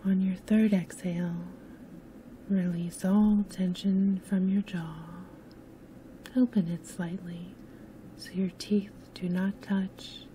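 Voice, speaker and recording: A woman with a very mellow, dark-toned voice narrates a sleep story. She is soft-spoken and soothing, often drifting near a whisper. Her pace is very slow and unhurried, with faint noise behind her. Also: medium pitch, low-quality recording. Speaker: host and narrator of sleep stories.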